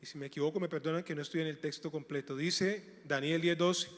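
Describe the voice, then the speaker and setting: A pastor preaching a sermon, swinging from hushed lines to loud rhetorical questions. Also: male voice, a little high, steady tone, quick pace. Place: large church hall. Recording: echoey church hall.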